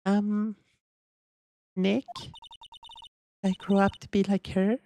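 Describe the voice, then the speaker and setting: A woman playing an eager, excitable young assistant. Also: medium pitch, slow pace, slight background noise. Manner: eager, stammering. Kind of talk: fan dub of a video game. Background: music.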